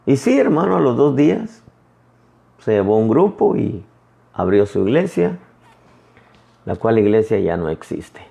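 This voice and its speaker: A male pastor preaching a sermon in a conversational way, often calling his listeners brother and retelling conversations in lively quoted voices. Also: fairly low pitch, a little slow, vocal fry, long pauses.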